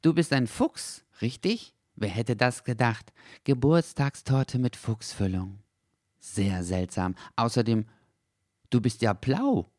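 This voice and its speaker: Male actor as a small proud dachshund: high, bouncy, excitable, storybook audio. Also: takes it slowly, no room sound, clean studio sound, natural voice. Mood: excited.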